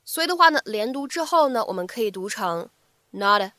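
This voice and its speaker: Woman teacher, fairly high voice, dry close sound, lively and patient, repeats phrases slowly. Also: no room sound. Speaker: English teacher. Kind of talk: spoken English lesson.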